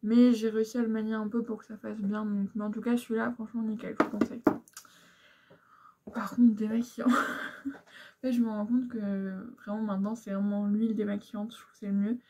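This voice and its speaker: A woman's voice: mid-range voice, level tone, quick pace, hardly any pauses, mellow. A young woman frankly chatting through beauty products she has used up, with lots of fillers and asides. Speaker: beauty vlogger. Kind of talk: casual product review chat.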